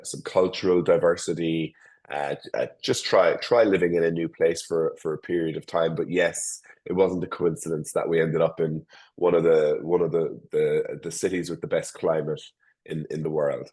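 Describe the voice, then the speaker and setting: An Irish tech company founder in his forties, with an Irish accent, is interviewed as a guest over a remote call. His voice sits low and is a little mellow and slightly rough, and he hesitates, stumbling through many restarts and fillers.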